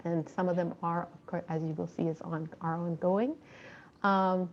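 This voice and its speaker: A woman's voice: lowish voice, normal speed. Woman reporting over a muffled call. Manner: steady, with frequent ums and uhs. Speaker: fundraising coordinator. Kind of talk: presenting a report at a committee meeting.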